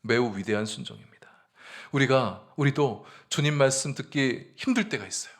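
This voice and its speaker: A man's voice: medium pitch, moderate pace. A male pastor giving a Sunday morning sermon, earnest and explanatory, sometimes voicing the people in his stories. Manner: earnest preaching, acts out quoted voices with rising emphasis.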